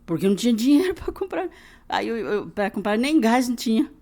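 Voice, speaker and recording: A woman's voice: a little high, a little fast. A woman in her sixties with a Brazilian Portuguese accent, recounting family memories in an interview. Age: 60s. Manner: animated storytelling, laughing. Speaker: interviewee, narrator's mother. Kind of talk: casual interview.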